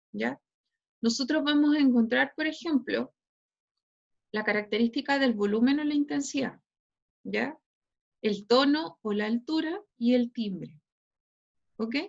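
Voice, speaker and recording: A woman's voice: high-pitched, gravelly. A woman teacher with a Chilean Spanish accent lecturing an online class, ending nearly every phrase with a questioning tag. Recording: dull lo-fi online class audio.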